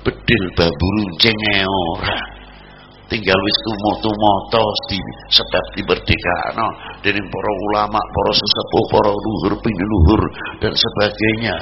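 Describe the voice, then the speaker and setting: A man with a Javanese accent preaching a sermon, swinging between loud exhortation and low murmurs. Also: fairly even intonation, moderate pace. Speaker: Islamic preacher. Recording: dull lo-fi recording with noise.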